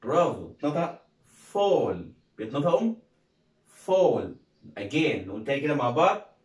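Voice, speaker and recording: A man's voice: medium pitch, sing-song, quick pace, recorded from a distance. A man with an Egyptian Arabic accent teaching English pronunciation, calling out words and asking viewers to repeat them with him. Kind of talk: phonics lesson for learners. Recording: roomy, from off the mic.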